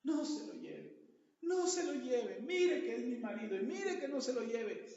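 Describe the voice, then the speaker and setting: A man voicing a frantic young wife caught in a street fight, with a shrill, pleading voice, in an echoey hall. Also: big pitch swings, racing, darkish tone. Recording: echoey hall, dull sound.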